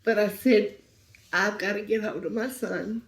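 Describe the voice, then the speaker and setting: A middle-aged woman telling a painful story as an interview guest, speaking softly and sometimes near a whisper. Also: mid-range voice, steady tone, unhurried. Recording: roomy echo.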